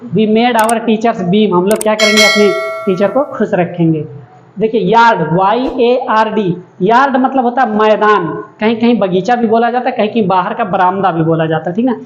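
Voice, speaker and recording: A woman teacher explaining an English lesson in Hindi to young students. She reads the English lines slowly, spells words out letter by letter and keeps checking with "ठीक है ना?". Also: mid-range voice, slight background noise. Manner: slow, drawn-out reading of English lines. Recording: echoey room, dull lo-fi sound.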